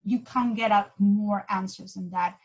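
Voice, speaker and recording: Giving a presentation as a guest speaker, a Mexican woman, a native Spanish speaker, talks unhurriedly in a steady, medium-pitched voice. She's earnest but keeps restarting and repeating words, and the audio sounds dull.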